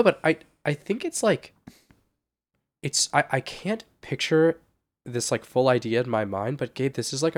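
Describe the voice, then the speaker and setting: A man with a stuffed-up nose from a cold co-hosting a podcast, talking casually and hesitantly with many restarts. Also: mid-range voice. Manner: hesitant, restarts and stacked fillers. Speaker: podcast co-host. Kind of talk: casual chat.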